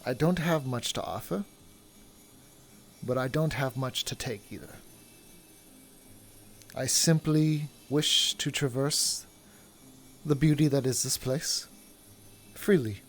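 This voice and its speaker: A man's voice: medium pitch, takes it slowly, pauses often, slight background noise. A man playing a humble wandering traveler who wants freedom, speaking in earnest, formal phrases. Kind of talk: in-character roleplay.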